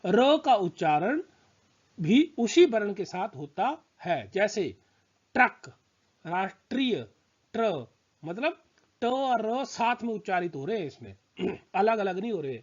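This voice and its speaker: A man's voice: high-pitched, big pitch swings, a little slow, a little mellow. A man teaching a grammar lesson to students, patiently repeating example words and checking that they understand. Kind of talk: slow spoken grammar lesson. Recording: slightly dull lo-fi sound.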